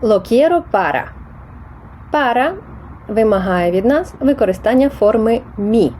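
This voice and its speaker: A woman's voice: on the high side, lively intonation, measured pace, dark tone, a little hiss or hum. A woman explaining Spanish test answers in Ukrainian, patient and methodical, with small hesitations and restarts. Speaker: Spanish teacher.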